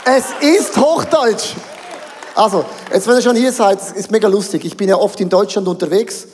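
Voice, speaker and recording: A Swiss man in his forties preaches with a Swiss German accent, keeping things jokey and lively and slipping in English phrases. His voice sits high for a man. The big hall gives it a long, trailing reverb. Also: fast, a little hiss or hum. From Switzerland. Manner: joking, lively, mixes in English. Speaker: pastor. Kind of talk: sermon. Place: large hall on stage.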